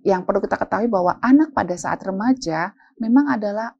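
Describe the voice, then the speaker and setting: A woman giving casual parenting advice, animated and acting out parents' voices. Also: medium pitch, fairly quick, vocal fry, muffled recording. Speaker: parenting expert guest.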